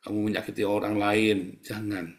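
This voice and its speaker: A middle-aged man preaches in a blunt, scolding manner, slipping into mocking asides and laughing between points. He often acts out the people he quotes in shifted voices. His speaking voice sits fairly low. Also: level tone, normal speed. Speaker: pastor. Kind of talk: sermon.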